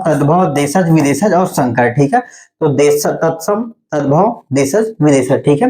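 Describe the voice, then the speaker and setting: A male teacher with a high, slightly mellow voice gives an online grammar lesson. He explains step by step and checks in after each point with frequent "theek hai"s, slowing down whenever he lists terms.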